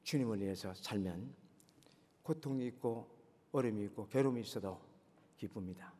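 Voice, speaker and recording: A man's voice: fairly low pitch, moderate pace, mellow, husky. Man, preacher, sermon, earnest exhortation, rhetorical questions, long echoing hall reverb.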